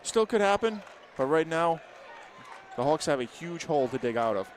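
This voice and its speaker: A man's voice: on the high side, big pitch swings, normal speed, slight background noise. A man giving color commentary on a basketball game in a conversational tone, with hesitant fillers. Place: high school basketball arena.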